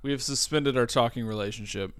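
A man's voice: medium pitch, fairly quick, fairly bright tone, clean tone, no room sound. A man co-hosting a podcast in casual chat, dry and self-deprecating, with a groggy morning voice. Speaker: podcast co-host.

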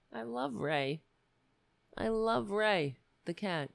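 An American woman with a raspy voice hosting a casual livestream, talking in a blunt, emphatic way and repeating phrases. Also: mid-range voice, expressive, very slow, no echo. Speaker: livestream show host. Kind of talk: casual livestream monologue with political commentary.

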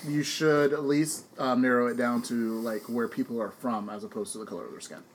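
A woman in casual conversation who teases and asks quick questions. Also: a bass voice, fairly even intonation, slight background noise, poor audio. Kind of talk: casual chat.

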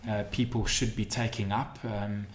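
A woman interviewer asking questions in a hesitant way, pausing to search for words. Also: extremely low pitch, little pitch movement. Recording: echoey room, faint noise.

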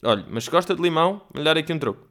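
A man voicing a chatty older male waiter who speaks softly, likes handing out tips, and has a European Portuguese accent. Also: a little high, lively intonation, very fast, pitched above the performer's own voice. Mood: helpful. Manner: folksy, fond of stock phrases.

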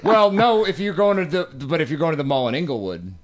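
A man in casual podcast banter, telling anecdotes with plenty of swearing. His pitch swings widely as he goes, giving the comic chat an animated feel. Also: a little fast. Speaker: podcast panelist.

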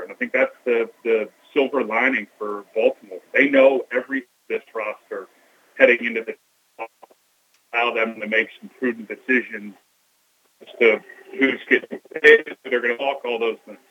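A man giving sports analysis as an interview guest, calling in by phone from a train. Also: medium pitch. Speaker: sports TV sideline reporter and guest. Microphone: phone call from a moving train. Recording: dull, noisy phone line from a train.

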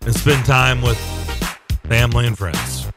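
A man's voice: mid-range voice, very animated, measured pace, over music. A man hosting a sports radio show with casual, live talk.

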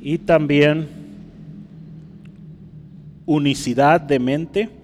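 A man preaching a teaching sermon, his voice set a little high and carried by a long hall reverb. He explains scripture patiently and keeps asking his listeners for agreement. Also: steady tone, very slow, a little mellow, slight background noise. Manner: teaching, rhetorical questions, asks listeners for agreement; writes on a board while speaking.

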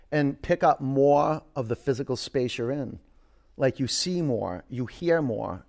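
Man, yoga teacher, mid-pitched voice, short direct instructions, repeated phrases, reflective class guidance. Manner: direct, short imperative cues. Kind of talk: leading a yoga class with spoken cues and reflective talk.

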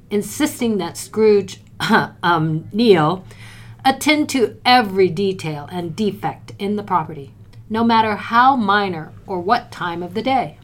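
Woman reading a story out loud, playful and wry, middle pitch. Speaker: story narrator. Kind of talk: scripted narration.

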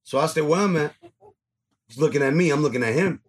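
A man's voice: on the high side, lively intonation, quick pace. A man telling a street story in casual podcast chat, acting out both sides and laughing as he goes. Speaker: podcast host.

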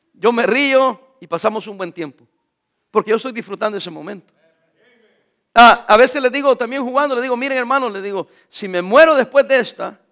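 A man's voice: high-pitched, a bit bright. A middle-aged man preaching a sermon as a pastor, jovial and joking with the congregation.

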